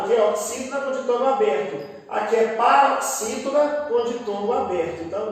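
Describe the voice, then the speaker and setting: A man teaching a grammar lesson in a lively, encouraging way that often checks in with the listeners. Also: high voice. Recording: echoey room, distant mic.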